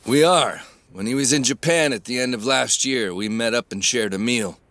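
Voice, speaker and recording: An actor playing a composed, reflective male race analyst in an anime dub, speaking in a measured, thoughtful manner. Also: medium pitch, fairly bright tone, no echo, close to an everyday voice. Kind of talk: anime dub broadcast commentary.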